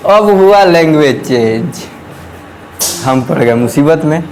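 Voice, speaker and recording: A young man tells a funny story to an audience with lively energy, jumping in and out of the dialogue as he acts out the people in it. His voice sits fairly high for a man. The recording is noisy, with the steady ambience of an indoor event. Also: slow. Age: young adult. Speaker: student performer. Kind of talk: comic storytelling performance.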